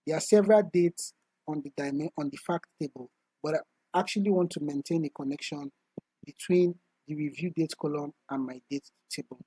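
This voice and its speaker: A man talking through a screen-recorded software tutorial step by step, in a methodical way. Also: fairly high pitch, moderate pace, slightly rough, no echo, low-quality recording. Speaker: tutorial instructor.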